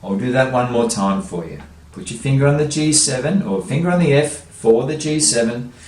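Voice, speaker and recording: A man's voice: mid-range voice, lively intonation, moderate pace, darkish tone, a little hiss or hum. A man teaching a children's guitar lesson, explaining each step patiently. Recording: echoey room, faint guitar music.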